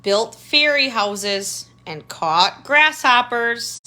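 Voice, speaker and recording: With a fairly high, animated voice and a sharp tone, a woman tutor stretches out her words as she reads a picture book to children. She keeps the language simple, tossing in explanatory asides, questions and remarks about what's on the page.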